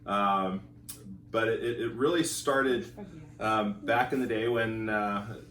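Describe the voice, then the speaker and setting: Recorded from afar in a roomy, echoing space at his California home, a deep-voiced school teacher from Montana, United States, gives a casual testimonial about his marriage. His tone is steady and a bit bright, while his speech is halting, full of fillers and repeated words.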